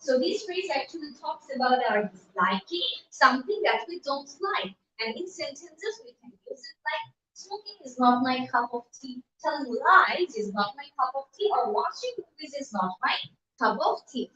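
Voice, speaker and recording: High-voiced woman teaching, echoey distant mic. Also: big pitch swings, pushed and bright. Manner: switches between Bengali and slow deliberate English. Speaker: online English teacher. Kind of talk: live-streamed language lesson. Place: room at home.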